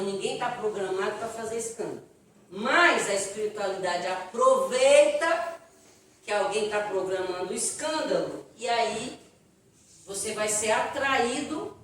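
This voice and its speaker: A woman with a Brazilian accent, giving a spiritist lecture and answering questions in a chatty, animated way. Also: medium pitch, recorded from a distance. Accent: Brazilian Portuguese. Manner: chatty, animated storytelling with audience asides. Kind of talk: live lecture Q&A to an audience. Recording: echoey hall, voice from afar, faint noise.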